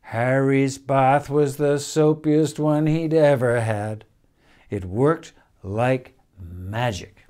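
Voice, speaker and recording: An older man reads a children's picture book expressively, with measured phrasing and dramatic pauses. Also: medium pitch, a little mellow, clear, resonant tone. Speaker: storyteller reading a picture book. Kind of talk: expressive children's storybook reading. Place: indoors, room in a house with stone wall.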